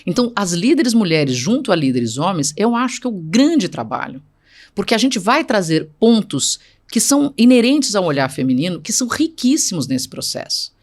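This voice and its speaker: A woman's voice: mid-range voice, sing-song, moderate pace, darkish tone. A middle-aged woman speaking as a guest in an interview, emphatic and assertive, repeating points for stress. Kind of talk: conversational interview.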